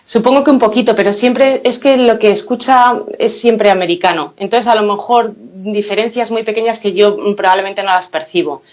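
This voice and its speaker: A woman with an accent from Spain answers as an interview guest in a middle-pitched voice. She speaks thoughtfully, pausing and hunting for words as she goes. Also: a little mellow. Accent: Spanish from Spain. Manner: thoughtful, hesitant, many pauses and fillers. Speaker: guest, English academy founder. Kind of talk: casual interview chat.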